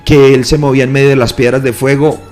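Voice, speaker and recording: A man's voice: mid-range voice, level tone, quick pace, darkish tone, soft background music. A man, a pastor, tells a testimony with feeling in an interview, acting out the voices he quotes. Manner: earnest storytelling, quoting voices with feeling.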